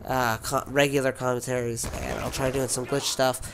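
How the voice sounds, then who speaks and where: A man with a sick, worn voice talks casually to his viewers, wandering between points and restarting his sentences. His pitch sits in the middle range, and a faint noise hums under the recording. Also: level tone, normal speed, gravelly. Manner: rambling, with many fillers and restarts. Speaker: gaming YouTuber. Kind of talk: rambling casual vlog talk.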